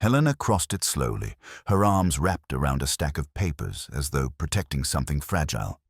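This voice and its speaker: A man playing a weary, introspective police inspector, narrating his case in a measured, solemn, contemplative literary style. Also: rumbling low, sing-song, vocal fry, husky, dry recording, clean studio sound, full character voice. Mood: melancholy, measured. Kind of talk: slow literary first-person scripted narration.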